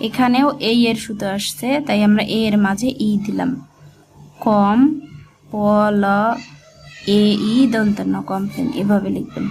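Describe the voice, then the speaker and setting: Slow woman spelling out shorthand. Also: medium pitch, steady tone, creaky, a little mellow, soft background music. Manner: slow, spells words letter by letter. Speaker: shorthand teacher. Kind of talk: step-by-step dictation lesson.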